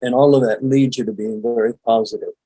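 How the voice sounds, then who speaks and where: An older man, a meditation teacher, giving a relaxed, folksy spoken lesson with frequent chuckles. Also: mid-range voice, fairly quick, slightly rough, no echo, poor audio. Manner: chuckling, folksy, demonstrates laughing exercises.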